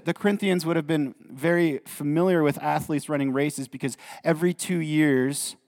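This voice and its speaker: A man's voice: a little high, darkish tone. A man preaching a sermon as a pastor, earnest, often repeating words as he goes. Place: church hall. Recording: reverberant church hall.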